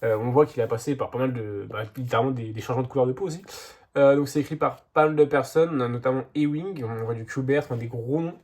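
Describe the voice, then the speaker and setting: This comics vlogger, a man nursing a head cold, talks through a casual haul video in a mid-range, darkish voice that stays steady and moves quickly. He sounds congested and a bit hoarse from his slightly sore throat, hesitating often with many "euh" fillers and restarts.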